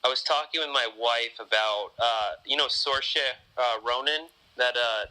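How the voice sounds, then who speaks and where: A man hosting a podcast in casual chat, thinking out loud and rambling through many restarts. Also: medium pitch, normal speed, low-quality recording. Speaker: podcast host.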